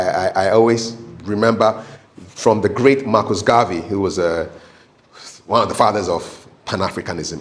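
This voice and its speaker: This lowish-voiced man leads a live public speaking training in a conversational, instructive way. He hammers key points through repetition and keeps asking short tag questions like "okay?" to check in.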